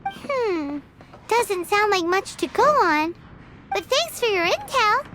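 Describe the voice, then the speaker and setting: A woman's voice: very high-pitched, very animated, slow, exaggerated voice. A woman voicing a tiny, eager, childlike fairy companion girl in a video game. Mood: curious, musing. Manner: refers to self in third person, eager. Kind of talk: video game character dialogue.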